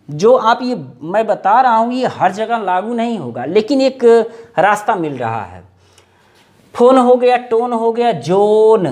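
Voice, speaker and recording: A man's voice: sits high, darkish tone. A man, teaching English pronunciation by spelling words out letter by letter and repeating each one. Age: 40s. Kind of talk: slow spelling-out lesson.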